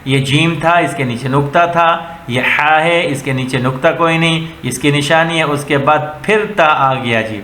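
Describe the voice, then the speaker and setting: A man with a Pakistani accent teaching letter-by-letter Quran reading, slow and patient, repeating each sound as a drill. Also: on the high side, bright, forceful tone. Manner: patient, repetitive, drills letters one at a time. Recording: echoey room with faint ambient noise.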